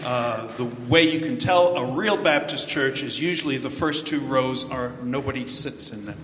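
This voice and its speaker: An older American man preaching with jokes, pausing for an interpreter in a church. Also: mid-range voice, fairly bright tone. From United States. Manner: joking, pausing for translation. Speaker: visiting preacher. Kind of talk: sermon with live interpreter. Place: large church hall. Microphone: handheld or headset mic, walking about. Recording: echoey church hall, faint ambience.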